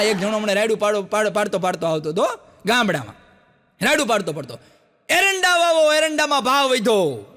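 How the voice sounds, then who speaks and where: On stage before a live audience, a man tells Gujarati folk jokes, his voice trailing into a long reverb. He performs each character in his tales with sudden pitch jumps, an animated storyteller backed by the audience's laughter.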